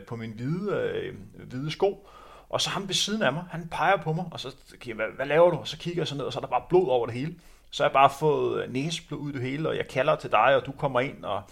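A man's voice: mid-range voice, vocal fry, a bit bright. Guy rambling about old races, lots of uhs, casual chat. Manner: rambling storyteller, many fillers. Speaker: former runner telling stories.

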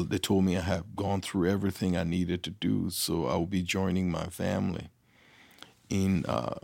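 A man telling a personal story as an interview guest, lively and acting out the dialogue. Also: sits low, creaky, no room sound, studio quality. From Liberia. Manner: animated, acts out dialogue. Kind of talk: anecdotal storytelling.

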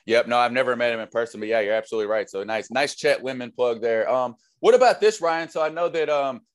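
Easygoing podcast host. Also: male voice, mid-range voice, fast talker, no echo. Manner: friendly, loose, many fillers and restarts. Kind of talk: casual podcast interview.

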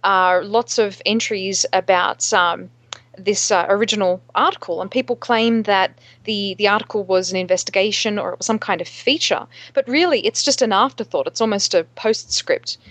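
Female co-host, medium pitch, very dry recording, casual and hesitant conversational delivery. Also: fairly bright tone, dry recording. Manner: halting, searching for words. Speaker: podcast co-host.

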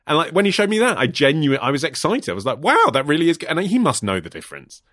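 A man in his thirties chatting casually on a podcast, telling stories with animated delivery and frequent laughter. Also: fairly high pitch, fast, no echo, studio quality. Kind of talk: casual chat.

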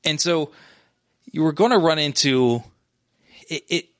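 A man's voice: on the high side, measured pace, no room sound, studio quality. A man co-hosting a casual gaming podcast, explaining things in a rambling way with lots of restarts. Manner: rambling, many restarts and fillers. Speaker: podcast co-host. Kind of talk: casual esports chat.

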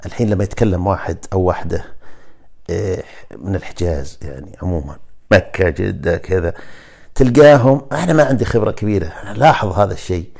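A man's voice: low-pitched, expressive, quick pace, gravelly, a little mellow, husky. A man with a Najdi Saudi accent, hosting a casual solo podcast monologue and talking loosely to the listener. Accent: Najdi Saudi Arabic. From Najd, Saudi Arabia. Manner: loose, rambling, addresses the listener directly. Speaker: podcast host.

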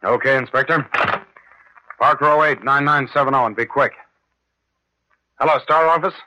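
An actor playing a brash young newspaper reporter in a 1950s radio drama, talking quickly and urgently. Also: male voice, mid-range voice, muffled recording, noisy background, natural voice.

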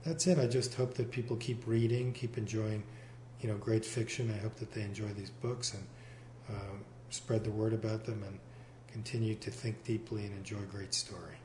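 A male novelist chatting in an interview, meandering and correcting himself, recorded on a single mic in a giant high-ceilinged room with big hall echo. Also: steady tone, normal speed, background noise. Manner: meandering, self-correcting, many fillers. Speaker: novelist guest. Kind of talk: casual interview chat. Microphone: single shared mic in the room.

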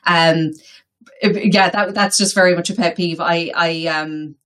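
A woman's voice: fairly low pitch, steady tone, measured pace, a bit bright. A woman from the west of Ireland with a local accent, talking casually and chattily as an interview guest. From Galway, west of Ireland. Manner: chatty, informal, colloquial.

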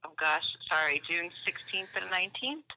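A woman's voice: lowish voice, animated, moderate pace, bright, forceful tone, slight background noise, low-quality recording. A woman on a speakerphone call, an upbeat and enthusiastic caller from a veterans' charity chatting casually. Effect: heard over a phone on speakerphone. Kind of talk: casual phone chat.

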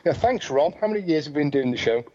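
A man's voice: fairly high pitch, expressive, quick pace, warm tone, slight background noise. A man co-hosting a paranormal radio show with casual, bantering talk. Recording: dull lo-fi audio.

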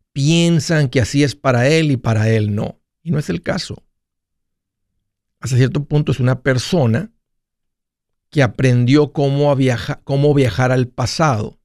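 A man's voice: mid-range voice, darkish tone, dry recording, clean studio sound. Jokey man in his forties. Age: 40s. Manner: playful, jokey, restarts mid-phrase. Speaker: radio finance host. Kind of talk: casual monologue.

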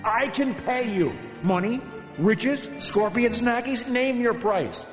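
A man's voice: very high-pitched, lively intonation, slow, reverberant, long reverb tail, over music, voice pushed up, full character voice. A man voicing a flustered young king in a storybook tale, stammering and pleading.

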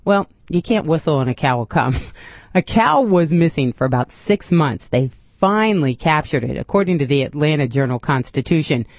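A woman's voice: low voice, lively intonation, normal speed, a little mellow, no room sound. A woman radio reporter reading news in a chatty way, with casual asides.

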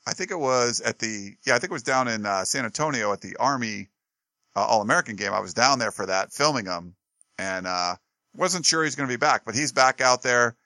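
A man's voice: medium pitch, lively intonation, brisk, sharp tone, dry recording. A man co-hosting a sports talk show, chatting casually and rambling with lots of fillers and restarts.

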